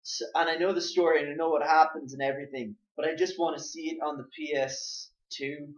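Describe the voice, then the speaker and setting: A man's voice: steady tone, a little fast. Rambling young man, echoey lo-fi room. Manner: rambling, lots of "like", jumps up and down in pitch. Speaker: podcast co-host. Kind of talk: casual chat. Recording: echoey room, muffled lo-fi mic.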